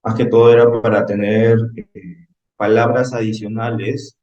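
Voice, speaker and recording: This man's low voice is flat and unhurried as he patiently teaches English vocabulary in Spanish during a classroom review, repeatedly asking "ok?" to check on students. The recording has a roomy, slightly dull quality.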